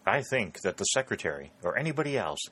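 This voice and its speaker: A man's voice: fairly low pitch, big pitch swings, fast talker, sharp tone. A man reading aloud, voicing a coarse and suspicious male politician in a storybook reading. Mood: scornful.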